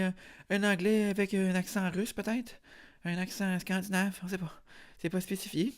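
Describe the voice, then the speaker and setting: A young man with a Quebec French accent, hosting a podcast as a deadpan mock interview, rambling with many hesitations. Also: sits high. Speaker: podcast host.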